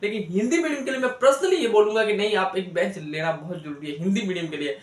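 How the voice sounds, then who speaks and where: A man's voice: sits high, fast talker. A young man, a biology educator, giving casual, earnest coaching advice to students, repeating points and talking straight to them. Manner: chatty and earnest, repeats himself, direct address. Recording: echoey room.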